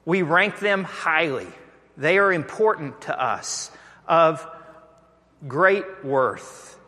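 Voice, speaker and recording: A Texan-accented man preaches from the pulpit, his voice high-pitched and emphatic. He draws the congregation in with questions and call-and-response lines. The sound carries a long church-hall reverb. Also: lively intonation, slow, pushed and bright. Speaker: pastor. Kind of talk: sermon. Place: church sanctuary.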